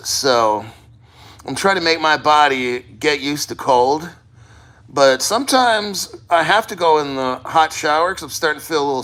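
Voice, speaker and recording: Bright-voiced man rambling casually. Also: fairly high pitch. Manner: rambling, plain-spoken, profane. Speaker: vlogger. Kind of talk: casual first-person vlog talk. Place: sitting in a cold plunge.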